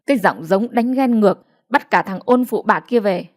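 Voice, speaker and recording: A woman's voice: medium pitch, animated, moderate pace, lightly acted. A woman voicing a hot-tempered middle-aged village man who rallies others in anger. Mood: furious. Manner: angry and rallying.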